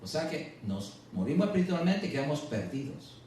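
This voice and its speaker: A male preacher giving a sermon, slowing and rising in pitch to stress scripture, then dropping low. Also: sing-song, darkish tone, a little hiss or hum. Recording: echoey, distant church radio recording.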